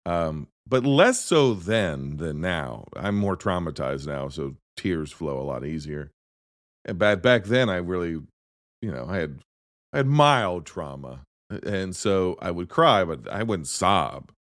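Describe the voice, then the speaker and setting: A man's voice: low voice, unhurried, no room sound, studio quality. A man hosting a podcast, chatting casually about films, rambling and cutting himself off as he tells stories. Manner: rambling, self-interrupting, animated storytelling. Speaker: podcast host. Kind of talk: casual movie chat.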